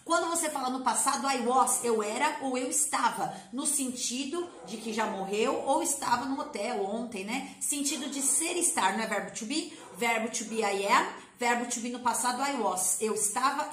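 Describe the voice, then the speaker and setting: Brazilian woman with a cold, online English teacher; bright, playful, drills learners, slightly high voice, echoey room. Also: normal speed. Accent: Brazilian Portuguese. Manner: lively, playful, coaxing repetition with slangy asides. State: has a cold. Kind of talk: energetic online English lesson.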